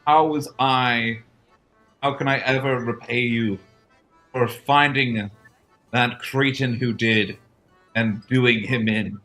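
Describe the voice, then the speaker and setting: A man's voice: mid-range voice, fairly even intonation, slow pace, pauses often, faint music behind, rough recording. A man putting on a sobbing, theatrical town guard. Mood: overwrought. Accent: failed attempt at Scottish. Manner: loud, theatrical public apology. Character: overwrought, tearful disguised male town guard.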